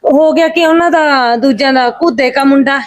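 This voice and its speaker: An anxious village mother lectures her son earnestly in a short film, played by a woman. Her voice is high and steady. She sounds serious throughout. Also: normal speed, close to an everyday voice. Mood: worried.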